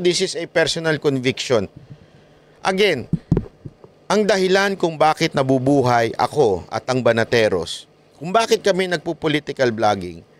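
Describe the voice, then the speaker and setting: Animated high-voiced male vlogger. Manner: animated, mocking, laughs often. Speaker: political vlogger. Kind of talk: casual political commentary.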